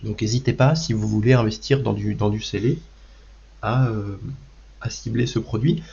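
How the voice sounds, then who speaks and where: A man's voice: on the low side, steady tone, moderate pace, creaky, warm tone, slightly rough, dull audio. A man with a cold hosting a card game video in casual commentary, hesitant with many restarts and fillers. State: has a cold.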